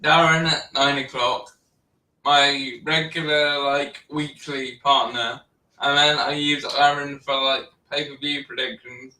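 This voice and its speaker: A man hosting a casual wrestling chat, relaxed and chatty, laughing often. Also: medium pitch, slow. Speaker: podcast host. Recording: roomy echo, distant mic.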